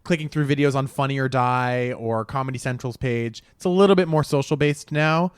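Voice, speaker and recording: A man in his early thirties, chatting on a podcast with campy, quick-witted flair. His voice comes through smooth and clean, sitting at an ordinary middle pitch. The sound is dry and close. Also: no room sound. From Rhode Island. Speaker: comedian guest. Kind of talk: casual podcast chat.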